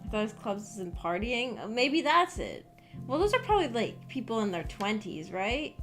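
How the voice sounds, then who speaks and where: This young VTuber streamer's fairly high, a bit bright voice is very animated as she chats casually with viewers at a moderate pace. She rambles hesitantly and informally, and background music runs underneath.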